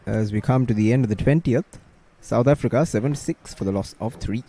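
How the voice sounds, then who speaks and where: Mellow male cricket commentator. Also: medium pitch, a little fast, a little hiss or hum. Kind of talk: live cricket match commentary.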